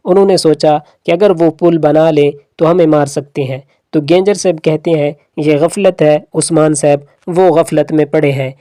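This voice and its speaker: A narrator steadily recounting a drama episode, folding the characters' dialogue into the retelling as plain quotes. The voice is mellow and soft-edged, recorded close and dry with no room sound. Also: medium pitch, no room sound. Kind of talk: plot recap narration.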